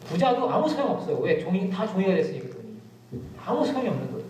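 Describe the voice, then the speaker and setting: A middle-aged male pastor preaching a sermon, telling stories with lively emphasis that drops suddenly to quiet asides. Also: high voice, quick pace, slight background noise. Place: church sanctuary. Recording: very echoey church hall, distant mic.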